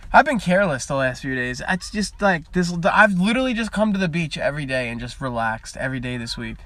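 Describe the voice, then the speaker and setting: A man's voice: fairly high pitch, big pitch swings, quick pace, pushed and bright, no room sound. A young man streaming live from his parked car at the beach, chatting casually and wandering from topic to topic, picked up by a phone mic. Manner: rambling, chatty, easily sidetracked.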